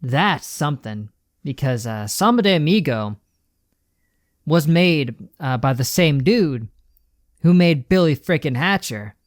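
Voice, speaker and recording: A man's voice: a little high, lively intonation, a little slow, dry recording, studio quality. A man streaming a casual, ranting reaction commentary, with an emphatic, slangy way of talking. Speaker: streamer reacting to a game showcase.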